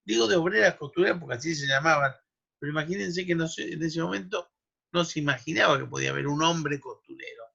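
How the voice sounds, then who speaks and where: A man's voice: fairly high pitch, fast talker, creaky, pushed and bright, slightly rough. A man giving a university law lecture, explaining history and running through lists of names and dates with asides to his students. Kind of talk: academic lecture. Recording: dull lo-fi recording.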